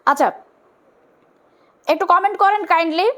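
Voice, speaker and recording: High-voiced Bangladeshi woman teaching. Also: normal speed, fairly bright tone. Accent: Bangladeshi Bengali. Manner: explains step by step, asks and answers own questions; colloquial, urges viewers to comment. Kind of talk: online exam-prep lecture.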